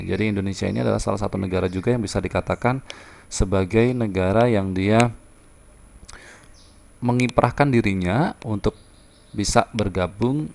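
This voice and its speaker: A male teacher with a very low, gravelly voice lectures a class. He explains step by step, repeating key terms and pausing with fillers, in a patient classroom manner.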